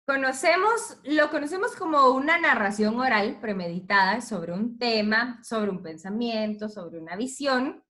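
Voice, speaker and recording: A woman in her thirties speaks to a group of teachers with the lively, expressive manner of a radio announcer. Her voice sits a little high and rings bright. She tells her story with animated, changing emphasis. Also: a little slow, few pauses. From Guatemala. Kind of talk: talk to teachers.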